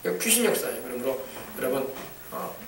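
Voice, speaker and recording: A man's voice: medium pitch, very animated, a little fast, vocal fry. A man pastor preaching a sermon with emphasis, often repeating words and calling out hallelujah. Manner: emphatic, repetitive, calls out hallelujah. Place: church sanctuary. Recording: echoey church hall from far off.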